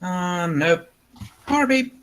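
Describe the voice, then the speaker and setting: A man's voice: high voice, lively intonation, drawn-out words, fairly bright tone, rough recording. A man running a tabletop game as game master, narrating the fight and adding spoken sound effects.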